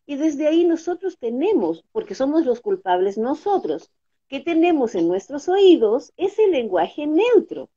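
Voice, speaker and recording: A woman's voice: high voice, sing-song, measured pace, dark tone. A Chilean woman, a dubbing actress and teacher, explaining her craft in an interview, often checking in with her listener. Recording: dull lo-fi audio.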